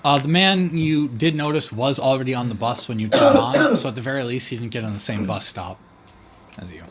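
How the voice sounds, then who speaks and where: A man runs a tabletop game as its game master, narrating in a relaxed, easygoing way. His pitch sits at a plain middle height. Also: over a noisy crowd. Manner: easygoing, quick to laugh.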